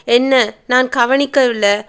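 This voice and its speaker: A woman's voice: on the high side, steady tone, slow pace, fairly bright tone, clear, resonant tone. A woman narrator voicing a shy, bashful young woman who protests her sister's teasing.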